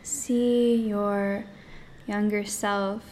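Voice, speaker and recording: A woman leading a guided meditation in a soft, hushed, partly whispered voice, speaking in short phrases with long pauses. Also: mid-range voice, little pitch movement.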